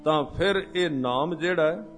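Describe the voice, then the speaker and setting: A man with a high voice preaches to a congregation at an unhurried pace. He explains sacred lines one at a time and chants the verses slowly. Faint music plays behind him. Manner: addresses a congregation directly. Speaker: Sikh preacher. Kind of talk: scripture sermon.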